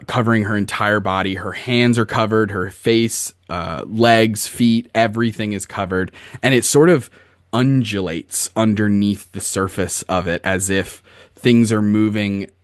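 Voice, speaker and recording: A man narrating a tabletop game as game master, casual and descriptive, feeling his way through the scene haltingly. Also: lowish voice, no room sound, studio quality.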